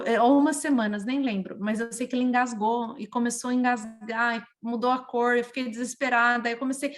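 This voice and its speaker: Brazilian woman, podcast guest, slightly high voice, lively and emotional storyteller. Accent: Brazilian Portuguese. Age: adult, mother of a young child. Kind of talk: casual interview conversation.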